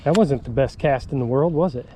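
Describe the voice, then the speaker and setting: A man's voice: mid-range voice, fairly quick, very noisy. A man hosting a fishing vlog from a kayak on a tidal creek, talking casually with plenty of ums, a bit winded from pedaling. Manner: relaxed, chatty, frequent ums and uhs. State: a little out of breath from pedaling. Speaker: fishing channel host. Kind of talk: casual outdoor vlog talk.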